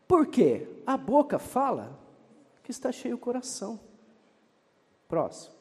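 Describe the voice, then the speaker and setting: Man, Brazilian accent, fervent sermon, animated pitch, reverberant hall. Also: measured pace. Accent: Brazilian Portuguese. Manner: fervent, calls out to the congregation. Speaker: preacher. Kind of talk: sermon with Bible reading.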